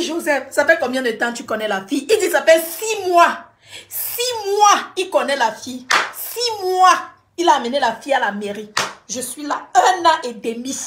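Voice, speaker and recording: A woman's voice: high-pitched, background noise. A woman telling a personal story on a livestream, dramatic and repetitive, talking straight to her audience.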